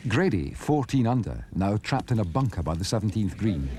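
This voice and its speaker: A man reading scripted golf documentary narration in a measured, dramatic storytelling way. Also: fairly low pitch, big pitch swings. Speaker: narrator of golf highlights film. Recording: archive soundtrack, crowd and background noise. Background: crowd noise.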